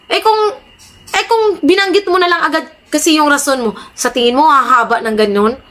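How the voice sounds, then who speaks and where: A woman vlogger with a high, bright voice rants to her followers in heated commentary. She sounds indignant and keeps asking her audience to back her up. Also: brisk. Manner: ranting, indignant, repeatedly asks "di ba?". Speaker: vlogger addressing her viewers.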